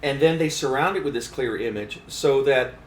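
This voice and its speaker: A man's voice: medium pitch, normal speed, recorded from a distance, a little hiss or hum. A man hosting a casual chat about fishing tackle at a trade show, thoughtful and full of ums and restarts. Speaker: podcast host, fishing editor. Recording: roomy, off-mic, faint hall ambience.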